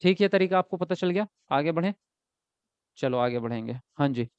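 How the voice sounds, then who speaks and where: A man's voice: on the high side, animated, moderate pace, clean tone, dry recording, muffled recording. A man teaching an exam-prep lesson, asking questions and answering them himself, often ending points with a checking tag.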